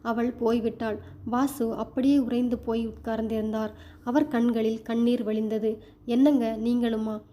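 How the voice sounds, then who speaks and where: Storyteller, woman, steady measured narration, mellow and slightly high.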